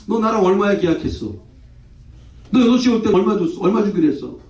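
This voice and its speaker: A bossy vineyard owner snaps at his workers in a scolding, high-set man's voice, as a preacher puts him on. The voice is mellow rather than sharp. It rings through an echoey church hall, picked up from a distance through a dull, muffled mic. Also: fast, lightly acted. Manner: scolding, talking down. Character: angry vineyard owner, middle-aged man, bossy.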